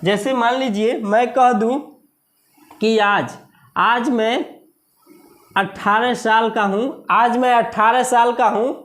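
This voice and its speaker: A man with an Indian accent teaching a maths lesson for exam preparation, repeating key words slowly and asking the class questions. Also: very high voice, fairly even intonation, a bit bright. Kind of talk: exam-prep video lesson.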